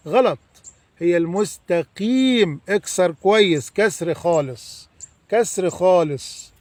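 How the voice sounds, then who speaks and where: A high-voiced Egyptian man with an Egyptian Arabic accent teaches a tajweed lesson, correcting recitation mistakes. He alternates quick explanations with slow, drawn-out demonstration recitation, and the recording is dry.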